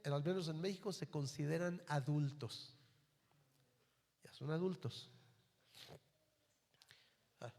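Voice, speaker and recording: A Mexican pastor preaches with an earnest, direct storytelling manner, his voice sitting a little high for a man. Long reverb from the church hall trails after every phrase. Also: darkish tone. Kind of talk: sermon.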